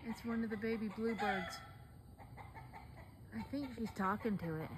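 A woman with a somewhat high voice narrates casually while filming birds outdoors with a phone. She keeps her voice hushed as she points things out. The phone recording carries clear outdoor background noise. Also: steady tone, moderate pace. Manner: softly commenting while filming wildlife. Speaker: homestead vlogger. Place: outdoors in a yard by a house. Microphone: phone camera held by the speaker.

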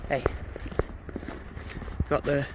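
A man, chatting casually as he walks outdoors with a handheld camera, thinking aloud and reading signs as he goes. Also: extremely slow. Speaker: vlogger. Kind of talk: casual walking vlog narration. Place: outdoors on snowy paths by a stadium. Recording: wind noise on an outdoor mic.

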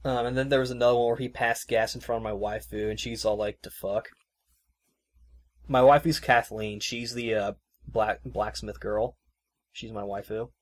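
A man's voice: mid-range voice, steady tone, normal speed. A male podcast host with an ordinary mid-range voice, talking loosely about a game. His sentences wander and restart, and he pads them with fillers. His tone stays casual and easygoing. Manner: rambling, loose and conversational with many fillers. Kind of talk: casual chat.

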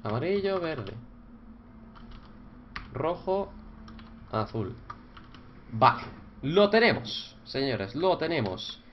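Foul-mouthed young gamer, lively pitch. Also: male voice, takes it slowly, pauses often. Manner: swears a lot, yells and screams in frustration; mutters quietly to himself while solving puzzles. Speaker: gaming YouTuber. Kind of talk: Minecraft let's play commentary. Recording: dull lo-fi mic with faint noise.

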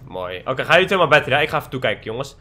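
A man's voice: mid-range voice, very animated, rapid-fire, pushed and bright. A young man giving playful, trash-talking gameplay commentary as a gaming YouTuber, slipping English slang into his talk.

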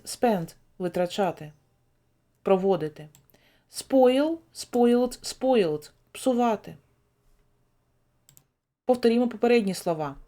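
A woman teaching an English vocabulary lesson, slowly reciting each word's forms and then giving its meaning. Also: medium pitch, dark tone. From Ukraine. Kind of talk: slow dictation-style vocabulary lesson.

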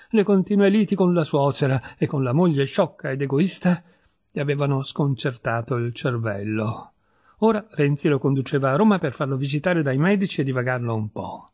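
A man reading a short story aloud in a measured, expressive first-person narration. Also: a little high, slightly rough. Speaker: reader of literature.

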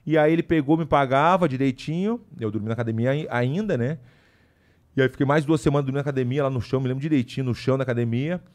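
A man talking as a podcast guest, his speech quick and rushing forward. He spins a casual story full of slang and side remarks, keeping it lively. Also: mid-range voice. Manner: animated, slangy, with frequent asides.

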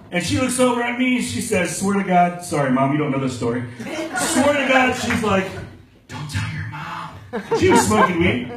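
A man in his thirties from Maryland doing a brash, profane stand-up set on a small club stage, acting out the people in his stories. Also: sits high. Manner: brash, profane storytelling, acts out quoted voices. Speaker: stand-up comedian. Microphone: handheld mic, filmed from the audience. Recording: roomy club sound from far off, loud audience laughter. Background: audience laughter.

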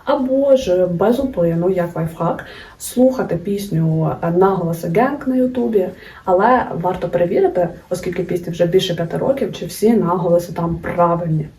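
A woman presenting an educational video lesson, reciting short rhymes with lively emphasis. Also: on the low side, moderate pace, far from the mic, low-quality recording. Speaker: teacher.

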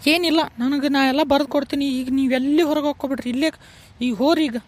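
A woman's voice: high voice, steady tone, quick pace, close to an everyday voice. A woman with a North Karnataka Kannada accent voicing a fussy, doting village mother who scolds and nags in a cartoon. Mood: scolding. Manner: scolding and nagging. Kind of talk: cartoon voice acting.

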